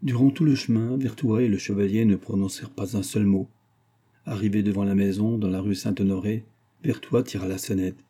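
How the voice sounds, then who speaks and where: A man narrating a classic tale as an audiobook, in a measured storytelling manner. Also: on the low side, fairly even intonation, warm tone, husky. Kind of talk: scripted literary narration.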